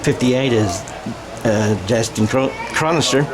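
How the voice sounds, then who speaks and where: Over a crowd and the noise of an outdoor game, an American man gives live play-by-play for football in a conversational radio style, revising himself as he reasons aloud. He speaks at a measured pace in a mid-range voice.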